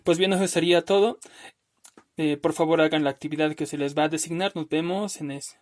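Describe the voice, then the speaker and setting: A man teaching a recorded spelling lesson over slides, patient and step by step, often checking in with "¿no?" and slowly drawing out words to show where the stress falls. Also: a little high, steady tone, darkish tone. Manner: patient, explains step by step with frequent "¿no?".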